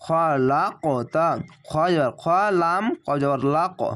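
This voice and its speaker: Man slowly spelling out recitation. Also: a little high, a bit bright. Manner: spells letters and vowel marks, then recites words slowly and drawn out. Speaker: Quran reading teacher.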